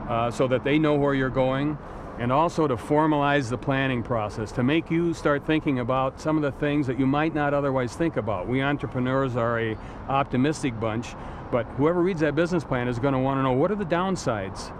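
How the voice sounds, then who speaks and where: A man's voice: medium pitch, a little fast. A middle-aged man giving blunt, emphatic business advice in an outdoor interview on a waterfront pier. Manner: blunt, emphatic, repeats words. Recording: outdoor traffic noise behind.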